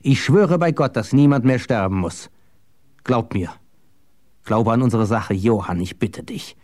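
A man's voice: a little slow, a little mellow, natural voice. A man reading an audiobook, voicing a fervent, persuasive male conspirator who pleads with rising passion. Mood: impassioned. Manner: impassioned, pleading, rising pitch.

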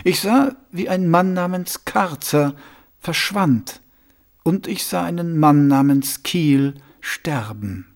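This is a man performing a suave, unflappable male city ruler and former assassin. He speaks smoothly and deliberately, faintly amused, a little higher than the narration, in a silky, measured mood.

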